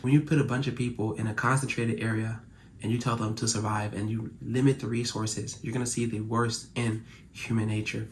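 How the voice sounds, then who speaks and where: A man's voice: lowish voice, little pitch movement, a little fast, a little mellow, slight background noise. A young man from Cameroon whose first language is French, talking earnestly to camera in a casual, reflective way. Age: young adult. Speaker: YouTuber.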